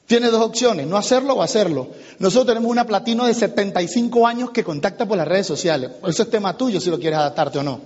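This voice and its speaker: High-voiced husky man speaking in a hall. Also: fast. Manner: animated, addresses the audience, acts out conversations. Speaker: business trainer. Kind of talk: motivational seminar talk. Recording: muffled lo-fi recording in a reverberant hall.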